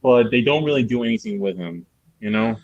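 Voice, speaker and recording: An excitable man talks over a video call at an ordinary middle pitch. He rambles from idea to idea and swears casually in a relaxed group discussion. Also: brisk, dull audio. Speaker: panelist.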